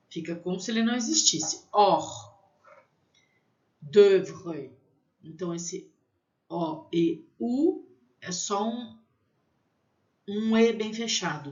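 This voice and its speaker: A woman from Brazil teaching technical French to pastry students, spelling out sounds slowly and often checking in with "né?". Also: lowish voice. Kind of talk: language lesson for pastry students. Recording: slightly dull lo-fi recording.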